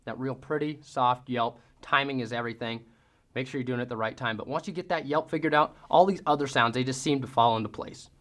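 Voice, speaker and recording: A man's voice: medium pitch, fast, fairly bright tone. A man giving a casual how-to lesson as a hunting-call instructor, talking in a folksy way. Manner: folksy, mimics sounds with vocal demonstrations.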